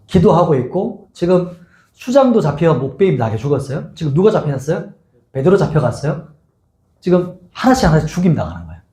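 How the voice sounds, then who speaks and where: A male pastor preaches in a sanctuary that rings with echo, his mellow voice sitting a little high and swinging widely in pitch. He keeps throwing questions out to the congregation and leads them in reading aloud together. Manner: asks the congregation many rhetorical questions; acts out the scene with voices. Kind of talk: expository sermon. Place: church sanctuary. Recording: echoey church sanctuary.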